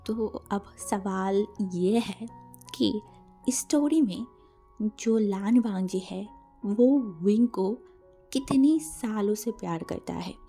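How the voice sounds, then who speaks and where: An Indian woman tells casual spoken fan fiction in a chatty way, like a channel host talking with her followers. A cold has left her with a sore throat, so her medium-pitched voice sounds mellow, gravelly and hoarse. She speaks slowly and repeats words for emphasis while music plays underneath.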